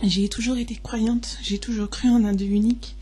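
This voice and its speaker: A woman in her twenties giving a personal testimony, hesitant and deeply moved, often pausing and restarting. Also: little pitch movement, warm tone, husky. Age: 20s.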